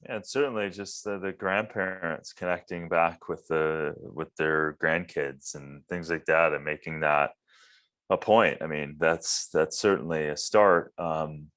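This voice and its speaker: A man's voice: rumbling low, fairly even intonation, a little slow, fairly bright tone. A man from Minnesota hosting a casual interview podcast, rambling and repeating words as he searches for what to say. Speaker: podcast host.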